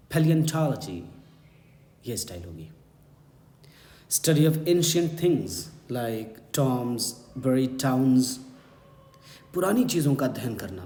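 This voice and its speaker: A man with an Indian accent teaching an exam-prep vocabulary lesson, slowly spelling out words and repeating them. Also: medium pitch, warm tone. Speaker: English teacher. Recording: echoey room with faint hum.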